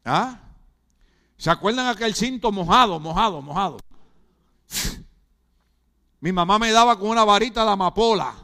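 High-voiced Puerto Rican preacher man. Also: lively intonation, moderate pace, pauses often, sharp tone. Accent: Puerto Rican Spanish. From Puerto Rico. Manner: rhetorical questions to the congregation, humorous asides. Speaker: pastor. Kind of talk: sermon.

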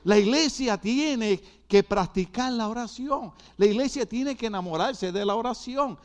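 A middle-aged Puerto Rican pastor delivers a sermon in a high-pitched voice with a Puerto Rican Spanish accent. He drives his points home by repeating phrases and keeps turning to the congregation with quick asides.

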